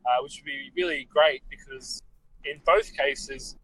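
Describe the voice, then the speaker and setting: A man's voice: fairly high pitch, sing-song, a little slow, creaky, a bit bright, poor audio. A man in casual podcast chat, thoughtful and hesitant, with many ums.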